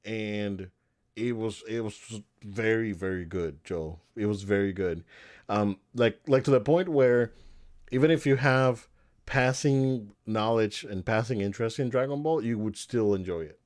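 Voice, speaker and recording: A man with a lowish voice, co-hosting a casual podcast chat. He rambles with excitement, restarting sentences and piling on fillers as he talks. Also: a little slow. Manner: rambling, enthusiastic, many restarts. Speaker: podcast co-host. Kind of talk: casual chat about movies.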